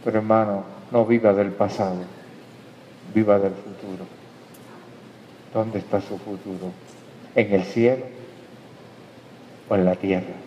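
A man preaching a sermon with emphatic swings between loud and quiet. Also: lowish voice, steady tone, unhurried, long pauses, slight background noise. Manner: emphatic preaching, rises and drops in loudness. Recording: dull sound in a reverberant hall.

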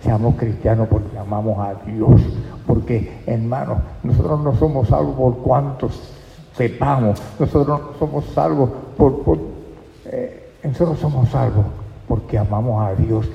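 A man preaching a sermon in a church, calling his listeners "brother" and swinging from soft, slow lines to loud, emphatic ones. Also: medium pitch, creaky. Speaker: pastor. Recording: echoey church hall, dull lo-fi sound.

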